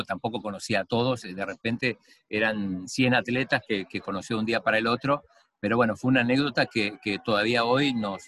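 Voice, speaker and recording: A man's voice: medium pitch, fairly bright tone, slight background noise. A man interviewing an athlete, telling a story in a chatty way with many fillers.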